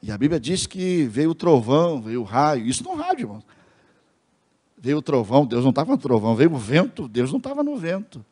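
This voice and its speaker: Speaking a little fast in a mid-range voice with a breathy edge, a Brazilian man preaches as pastor with a Brazilian Portuguese accent. He tells a story with lively energy, acting out the quoted voices of its people, and addresses the congregation as brothers.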